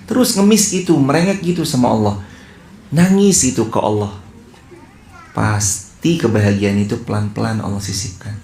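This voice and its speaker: A male preacher giving a sermon to an audience, shifting between casual explanation and slow, pleading chanted prayers. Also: fairly low pitch, a little mellow, echoey room, a little hiss or hum. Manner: pleading, chanted Arabic verses, addresses audience.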